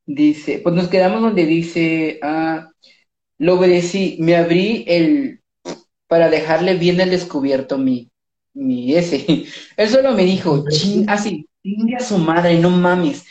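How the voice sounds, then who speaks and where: A podcast co-host with a Mexican accent reads an erotic story aloud, drawing it out casually while laughing and hesitating. Her voice is mid-range and darkish, and the recording is dull, roomy, and lo-fi.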